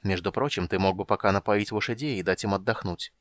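A man voicing a burly, blunt warrior who grumbles and talks gruffly. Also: fairly low pitch, fast, a bit bright, dry recording, close to an everyday voice.

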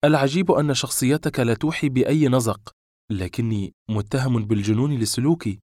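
A man's voice: mid-range voice, fairly quick, darkish tone, no echo, studio quality, pitched above the performer's own voice, natural voice. A man reading an audiobook, voicing a weary, evasive man who gives short, listless replies.

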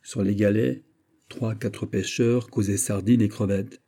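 A man reading a classic novel aloud in a measured, even way. His voice is deep, very dark and mellow, with a husky edge. The pace stays steady throughout. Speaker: audiobook narrator. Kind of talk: scripted narration.

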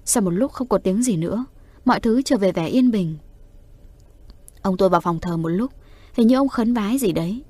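A woman reading a horror story aloud in a steady, suspenseful voice. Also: medium pitch, normal speed, long pauses, breathy edge, no room sound. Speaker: narrator. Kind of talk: audio horror story narration.

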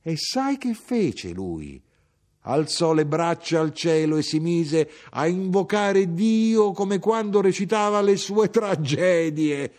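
A man reading aloud voices an older Sicilian mother who is brisk, proud and sharp-tongued, lifting his voice for her. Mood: brisk recounting. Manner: animated, raised pitch for the mother's lines.

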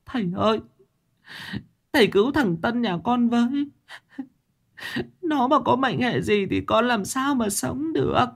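A distraught village mother in a spoken ghost story, her voice pushed very high and thin. She pleads through sobs with a quiet, strained wail. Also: expressive, a little slow, gravelly, pauses often, heavily acted. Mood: sobbing, pleading. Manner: wailing, tearful pleading. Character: distraught middle-aged village mother, sobbing.

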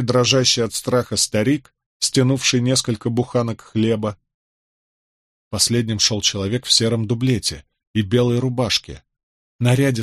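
A man's voice: mid-range voice, dry recording, clean studio sound. Man narrating a historical audiobook. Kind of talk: first-person audiobook narration.

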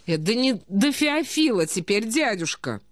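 An anxious young nephew, acted by a woman pleads earnestly and slowly. The voice sits raised and lively, recorded close and dry. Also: a little high, no echo. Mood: pleading.

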